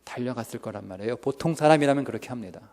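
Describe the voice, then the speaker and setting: A male pastor preaching a revival sermon, swinging from loud outbursts to whispers, recorded in a church sanctuary. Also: mid-range voice, expressive, rapid-fire. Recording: reverberant church hall.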